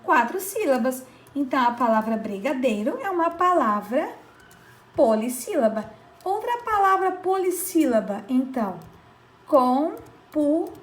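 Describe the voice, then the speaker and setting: A woman teacher explaining a grammar lesson to children, slow and patient, drawing out syllables and often checking that they follow. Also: sits high, sing-song, echoey room.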